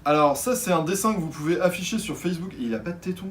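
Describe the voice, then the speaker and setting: A man's voice: sits high, quick pace, slight background noise. Enthusiastic French man chatting casually. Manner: enthusiastic, rambling with hesitations. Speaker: shop video host. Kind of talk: casual chat presenting new manga releases. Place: shop indoors.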